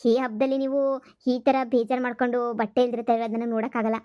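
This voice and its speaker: A woman voicing a kind-hearted young woman who talks in a hushed, scolding, urgent way in a cartoon comedy. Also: a little high, little pitch movement, a little fast, dry recording, studio quality, natural voice. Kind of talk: cartoon voice acting.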